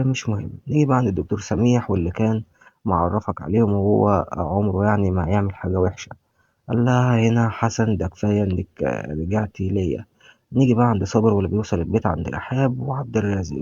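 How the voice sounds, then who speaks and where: A man's voice: on the low side, mellow, husky, no echo, muffled recording. A man with an Egyptian Arabic accent giving a casual recap of a TV series, retelling scenes and reading characters' lines aloud.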